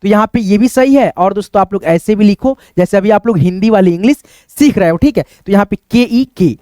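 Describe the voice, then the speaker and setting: An English teacher with a high, slightly mellow voice gives a patient, step-by-step spelling lesson at a somewhat quick pace, frequently checking in with students. He thinks aloud while writing on a board or screen, repeating "ok" and "friends" as he goes, in clean studio sound with no echo.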